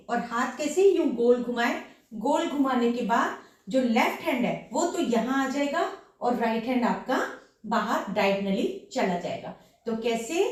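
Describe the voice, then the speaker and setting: A dance teacher with a slightly hoarse voice from a sore throat leads a lesson, counting beats aloud while demonstrating each step. Her somewhat high voice is picked up by a distant mic across a very echoey room.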